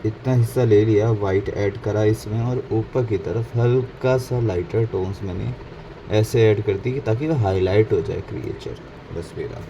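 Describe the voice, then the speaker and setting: Relaxed man explaining a painting. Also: lowish voice, moderate pace, highs cut off. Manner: mixes Hindi and English, corrects his own slips. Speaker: painting instructor. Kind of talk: casual painting tutorial narration. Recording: faint background noise.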